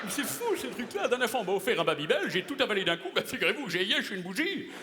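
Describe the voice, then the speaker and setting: A man playing a boastful, pompous male playwright who declaims loudly and theatrically on stage. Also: sing-song, quick pace. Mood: grandiloquent. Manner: booming theatrical declamation, swings from shrill to low mutter. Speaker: stage comedian. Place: live stage in a theater hall. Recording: echoey hall, loud crowd and noise.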